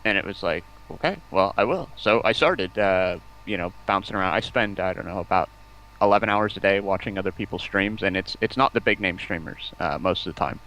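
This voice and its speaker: A community outreach representative guests on a stream interview, talking casually about game streaming. His low, sharp-toned voice moves briskly as he explains at length with rambling enthusiasm, captured on a low-quality recording.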